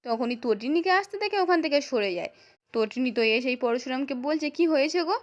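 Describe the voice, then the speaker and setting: A woman's voice: high-pitched, animated, brisk, dull audio. A woman narrating a recap of a television serial, reading every character's dialogue aloud in her own voice. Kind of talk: scripted story retelling.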